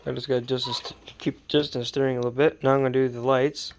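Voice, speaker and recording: Late at night, an RC hobby vlogger films a casual build update on his model truck. He talks rapid-fire in a medium-pitched, level voice, sleepy, rambling and easygoing, stopping to correct himself, with a little hiss or hum in the audio.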